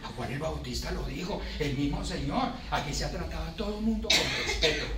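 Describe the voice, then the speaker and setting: A man's voice: a little high, lively intonation, brisk, over a noisy crowd. A man preaching a sermon in a church, emphatic and conversational with touches of humor.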